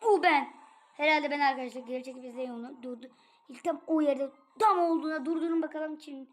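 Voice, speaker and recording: High-voiced woman chatting through a game. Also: a little fast. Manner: playful, chatty and excitable while gaming. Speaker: gaming channel host. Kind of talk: casual let's-play commentary.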